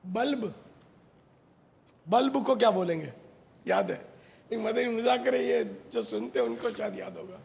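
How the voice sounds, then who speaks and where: A man from Pakistan, a religious scholar hosting a TV talk show, explaining words in an unhurried, quizzing way. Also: extremely high pitch, expressive, vocal fry, dull audio.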